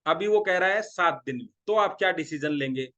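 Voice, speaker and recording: Higher-pitched Indian sales trainer. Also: male voice, expressive, a little fast, pushed and bright, lo-fi sound. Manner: talks through role-played dialogues, asking the audience questions. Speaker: direct selling trainer. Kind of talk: motivational sales training talk.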